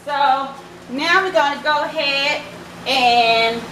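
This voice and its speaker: A woman's voice: sits high, slow. Chatty woman cooking in echoey kitchen. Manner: chatty, talks to viewers as "y'all" and "baby". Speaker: cooking channel host. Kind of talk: casual cooking vlog narration. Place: home kitchen. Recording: echoey kitchen with background noise.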